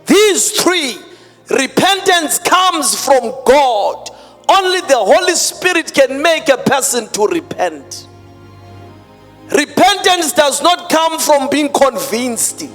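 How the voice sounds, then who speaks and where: A man preaches into a pulpit microphone in a strikingly high, lively voice. He stretches his words out slowly and leans hard on key phrases. His voice rings with a long church-hall reverb over faint music. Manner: emphatic, drawn-out preaching with mixed-in Xhosa words. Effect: speaking into a pulpit microphone. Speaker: pastor. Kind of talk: sermon.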